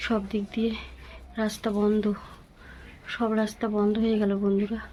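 A woman vlogging from home to her viewers, talking in a weary, pleading, soft way with a sore throat. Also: medium pitch, level tone, normal speed, slight background noise. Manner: weary, pleading, speaks softly. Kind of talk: casual vlog talk to viewers.

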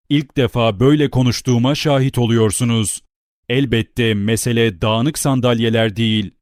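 A man narrating an audiobook voices a calm, measured veteran army captain standing up to his superior. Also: medium pitch, dry recording, clean studio sound, close to an everyday voice. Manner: measured, cool-headed.

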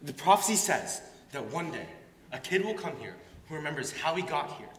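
A deadpan, teasing teen boy at a camp, played by a man on stage. His voice sits a little high for a man. It carries through a big hall with a long echo. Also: moderate pace. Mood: joking. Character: joking teen boy camper Skippy. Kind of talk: stage musical acting. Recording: echoey hall, long reverb.

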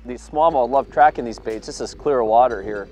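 A man's voice: medium pitch, moderate pace, a little mellow, soft background music. A man in his thirties on a boat on a lake, explaining his fishing tackle and catches in an upbeat way. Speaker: fishing video producer. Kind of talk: on-the-water fishing demonstration. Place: open boat on a lake, outdoors.

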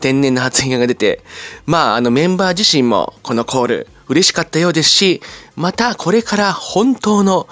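A man's voice: on the high side, animated, normal speed, a bit bright, no room sound. A middle-aged man giving a casual, polite concert report vlog, chatty with many fillers and asides. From Japan, Oita. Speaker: vlogger reporting on idol concerts.

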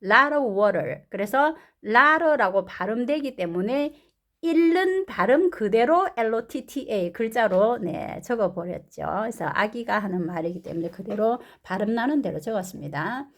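A woman's voice: fairly high pitch, lively intonation, moderate pace. A woman English teacher reading a picture book aloud and patiently explaining words and pronunciation.

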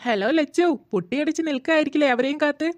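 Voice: high voice, quick pace, natural voice. A performer voicing a young man in a cartoon, teasing a friend on the phone.

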